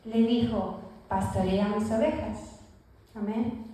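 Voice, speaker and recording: A woman's voice: a little high, fairly even intonation, takes it slowly, warm tone. A woman preaching a sermon, emphatic, repeating key phrases and asking listeners to imagine along with her. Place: church. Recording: echoey church hall, mic at a distance.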